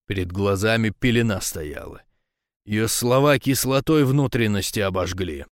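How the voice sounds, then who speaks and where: A man narrating a first-person audiobook in a low, tense, clipped delivery. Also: moderate pace, dry recording, studio quality.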